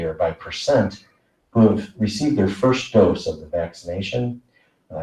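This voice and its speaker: A man, a school superintendent presenting a report at a board meeting, measured and full of fillers. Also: sits low, mellow. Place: meeting room. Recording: echoey room, voice from a distance.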